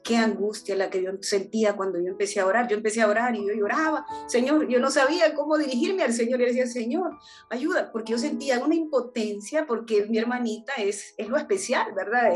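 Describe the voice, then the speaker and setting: A woman preaching a personal testimony sermon, speaking in an earnest, heartfelt way with frequent restarts. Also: mid-range voice.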